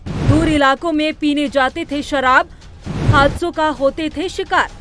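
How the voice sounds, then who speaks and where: A woman news reporter reads a scripted report in a high, emphatic voice. Faint music plays underneath. Her delivery is brisk and forceful. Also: steady tone.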